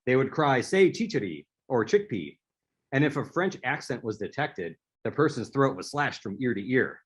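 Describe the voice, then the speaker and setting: An author gives a prepared presentation for a speaker series, telling stories at a normal speed. His mid-range voice is expressive with a breathy edge, and he restarts a few times.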